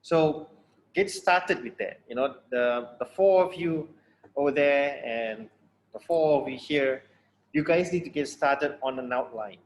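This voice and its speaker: A man's voice: medium pitch, unhurried, low-quality recording. A man from Malaysia giving a blunt, casual tutorial lecture over a video call. He restarts phrases often and repeats himself.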